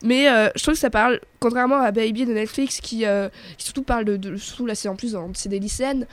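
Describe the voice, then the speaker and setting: A woman's voice: fairly high pitch, steady tone, fast talker. A young woman chatting casually on a radio show about TV series, with lots of fillers and restarts. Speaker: radio guest presenting TV series. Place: small radio studio. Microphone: studio microphone.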